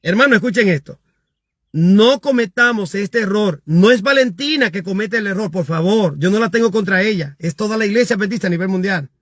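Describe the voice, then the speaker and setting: A man, a pastor, preaching emphatically and reading out viewer comments, rising to shouts on his key points. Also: high-pitched, a little fast, dry recording, clean studio sound.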